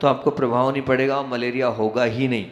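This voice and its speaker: A man's voice: medium pitch, steady tone, highs cut off. A man giving a devotional talk on seasonal diet, rattling off foods and stressing warnings to his listeners. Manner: rapid list-giving, emphatic warnings. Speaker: spiritual lecturer. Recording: echoey hall recording.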